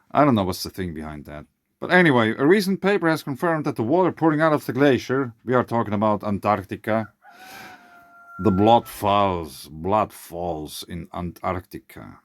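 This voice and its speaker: A man with whistling s sounds reads his own research paper aloud, breaking off for informal asides in a halting, self-correcting way. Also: mid-range voice, big pitch swings, no echo, clean studio sound.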